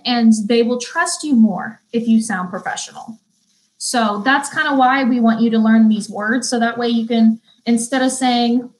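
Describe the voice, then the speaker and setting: A young woman teaching an online beauty school lesson, reading definitions slowly and chatting between them with easy laughs. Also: fairly high pitch, rough recording. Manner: chatty, laughs easily, stumbles and restarts; reads definitions slowly, then chats. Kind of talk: live online vocabulary lesson.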